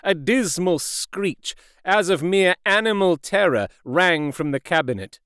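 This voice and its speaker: Slow, expressive male audiobook narrator. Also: sits high, clear, resonant tone, dry recording, clean studio sound. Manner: measured and expressive. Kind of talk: scripted narration.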